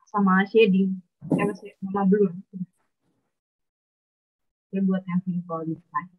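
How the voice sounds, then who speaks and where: A woman's voice: mid-range voice, steady tone, unhurried. Fields: Sex: woman. Role: student. Style: hesitant online class presentation. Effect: faint and choppy, phone held away. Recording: thin phone-like call audio. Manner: hesitant, many filler sounds. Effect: faint, choppy voice as if the phone is held away on a video call. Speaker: student presenting her work.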